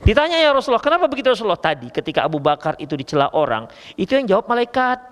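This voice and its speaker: A man's voice: sits high, rapid-fire, in a large hall. A man preaching a religious lecture in a casual, joking way with a Medan accent. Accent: Medan Indonesian. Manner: lively, joking, addresses listeners as ikhwah. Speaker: Islamic preacher.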